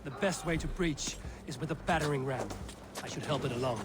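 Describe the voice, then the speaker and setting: Man playing a resolute Viking war leader, higher-pitched. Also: fairly quick, heavy background noise, lightly acted. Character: resolute, battle-ready Viking war leader, calm and commanding. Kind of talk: dramatic video game acting. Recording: loud game music over the voice.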